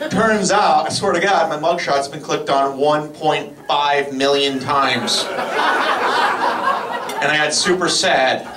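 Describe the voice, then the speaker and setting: A man doing a stand-up comedy set, telling self-mocking stories in a deadpan way and slipping into quick quoted voices. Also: fairly high pitch, very noisy. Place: comedy club stage with live audience. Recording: roomy club recording, far mic, loud crowd laughter.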